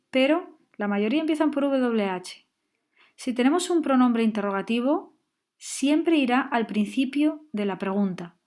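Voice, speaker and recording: Woman teaching grammar, slightly high. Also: a little mellow. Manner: clear, patient explaining with frequent check-ins. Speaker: English teacher. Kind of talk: grammar lesson.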